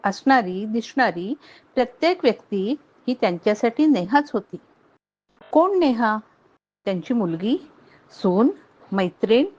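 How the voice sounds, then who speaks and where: A middle-aged woman reads a heartfelt short story at an unhurried pace, her voice sitting in a middle pitch. She is gentle and measured, lifting her voice for the lines spoken by people in the story. The recording sounds a little dull and muffled. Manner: gentle, measured, lifts voice for quoted speech. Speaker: narrator reading a story aloud. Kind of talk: expressive storytelling reading.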